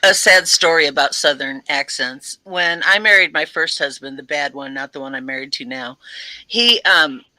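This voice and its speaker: During a live talk stream, a woman whose family is from Arkansas chats casually and laughs as she tells a lively, funny family story. Her voice is deep and moderately paced, with no echo, though the recording quality is low.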